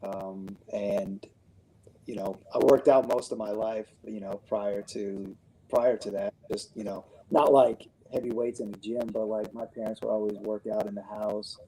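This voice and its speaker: A man from Connecticut telling his story as a podcast guest in a relaxed, rambling way. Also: fairly low pitch, moderate pace, rough recording. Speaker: guest, business owner. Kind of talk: casual interview chat.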